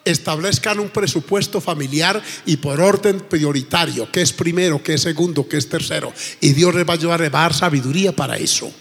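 A man's voice: fairly high pitch, a little fast, vocal fry, few pauses, a bit bright, breathy edge. A male pastor preaching an emphatic sermon in a church, with frequent praise exclamations. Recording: reverberant church hall.

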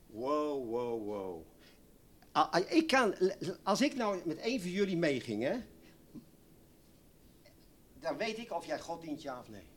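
A man preaching a sermon, swinging from loud exclamations to hushed, near-whispered lines. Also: on the high side, sing-song, slow, long pauses.

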